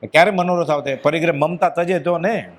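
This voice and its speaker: A spiritual speaker with a Gujarati accent delivers a devotional discourse in a fairly high, fairly quick male voice. He sounds earnest and emphatic, and his voice drops whenever he quotes others.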